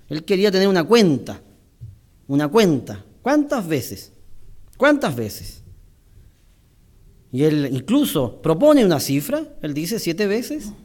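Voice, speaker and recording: Male preacher, high voice, church sermon, reads scripture, then explains slowly with pauses. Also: darkish tone. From Chile.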